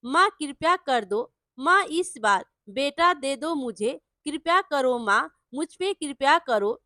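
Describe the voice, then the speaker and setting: A woman voicing a gruff, short-tempered village trader in a storybook tale, harsh and scolding. The voice stays high and bright, close and dry. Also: animated, takes it slowly, no echo, full character voice. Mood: pleading.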